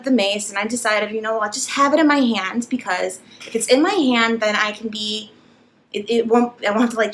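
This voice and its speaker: A young woman vlogger telling an embarrassing story to camera, animated and laughing as she acts it out. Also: on the high side, slight background noise.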